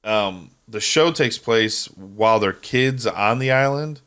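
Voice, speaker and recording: A man's voice: fairly low pitch, animated, takes it slowly, fairly bright tone, clear, resonant tone. A man co-hosting a casual podcast, rambling and chatty, often tripping over names. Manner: rambling, stumbles over names, laughs easily. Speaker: podcast co-host. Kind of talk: casual chat.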